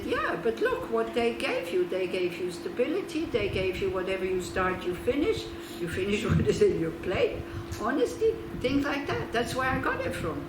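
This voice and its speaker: In this informal teaching talk, a Buddhist nun from Switzerland speaks in a mid-range voice, chatty and full of laughter and rhetorical questions. The sound is roomy and far off, with noise in the background.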